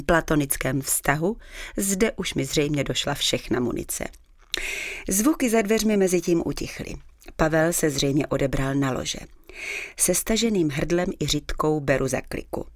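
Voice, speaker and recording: Woman narrator, dry ironic audiobook reading, low pitch. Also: no echo. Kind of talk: first-person audiobook narration.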